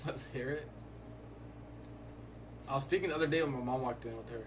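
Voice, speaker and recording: Fairly quick and medium-pitched, a young man livestreams his day trading, talking casually and meandering with lots of "like". Background noise is audible.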